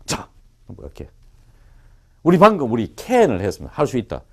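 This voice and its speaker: A man teaches English to students in a lecture room. His voice leaps around as he talks, playful and teasing. He keeps throwing quick questions at the class. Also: mid-range voice. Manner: animated and joking, quizzes the class.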